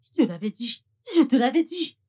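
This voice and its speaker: A woman's voice: a little high, animated, normal speed, darkish tone, slightly rough. A sneering scheming young woman. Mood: soothing, scornful. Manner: sneering, taunting. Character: scheming spiteful young woman, mocking rival. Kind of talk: French film dub.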